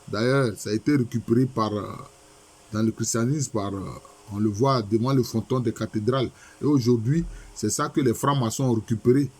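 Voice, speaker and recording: A professor lecturing on Egyptian texts reads passages aloud and explains them, often posing questions and answering them himself. His voice is medium in pitch, a little mellow, and husky.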